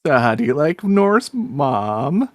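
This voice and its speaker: A man's voice: a little high, sing-song, takes it slowly, dry recording, clean studio sound. A man chatting casually as a player in a tabletop role-playing game. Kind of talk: casual chat.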